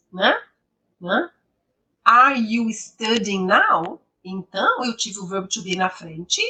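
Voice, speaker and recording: A woman teaching English grammar, explaining slowly and repeating each example sentence with emphasis. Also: on the high side, a bit bright, distant mic.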